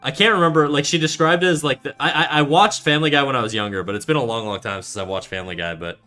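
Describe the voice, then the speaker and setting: Over faint soft music, a young Canadian art streamer rambles through laid-back livestream chat, reading messages aloud. His mid-range voice is bright and forward and comes out rapid-fire, full of swearing, fillers, and restarts.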